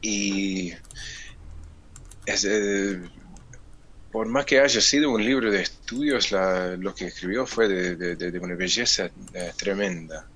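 A man, a musician guest on a radio interview, explaining things in a measured, thoughtful way. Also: sits low, fairly bright tone, slight background noise.

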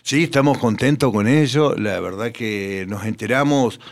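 A man's voice: mid-range voice, normal speed. A man telling local history in a radio interview, hesitant, with many fillers and restarts. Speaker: guest.

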